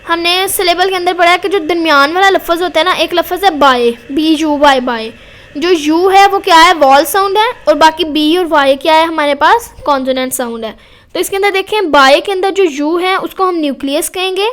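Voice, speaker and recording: A woman lectures on poetry with a very high voice. She explains in a steady classroom manner and drops to a slow, careful pace whenever she reads out a definition. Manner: mixes Hindi explanation with slowly dictated English definitions. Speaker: teacher. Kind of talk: recorded literature lecture.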